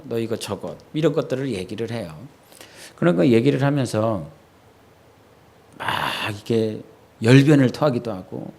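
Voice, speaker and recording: A male pastor preaching a midweek church sermon in a plain, mid-pitched voice. He talks it through with the congregation, tossing quick questions out to the pews. When he recalls his own prayers, he sinks into a soft, low murmur. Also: vocal fry. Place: church sanctuary.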